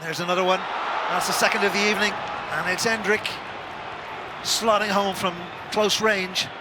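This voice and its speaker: A man's voice: sits high, steady tone, normal speed. A man giving live commentary on a football match. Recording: loud noise behind broadcast commentary.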